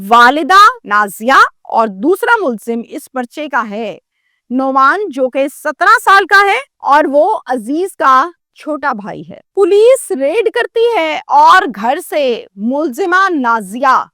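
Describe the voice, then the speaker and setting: A woman's voice: high-pitched, a bit bright, no room sound, studio quality. A woman presenting a crime news story in a dramatic storytelling way, acting out the quoted lines.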